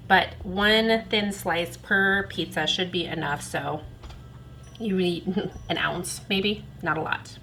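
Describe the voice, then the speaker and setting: A woman's voice: on the low side, bright, forceful tone, slight background noise, rough recording. A woman hosting a home cooking demonstration in her kitchen, chatty and self-deprecating as she talks through each step while working. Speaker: cooking channel host.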